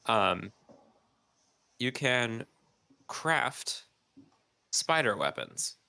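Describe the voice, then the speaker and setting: A man's voice: medium pitch, lively intonation, very slow, gravelly, pushed and bright, no echo. A man co-hosting a podcast, explaining at length in casual chat with many ums, his nose stuffy. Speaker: podcast co-host.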